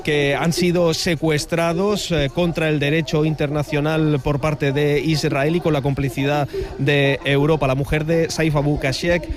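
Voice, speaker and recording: A man filing a live news report from outdoors at a street protest, brisk and informative. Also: a little high, little pitch movement. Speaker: field reporter.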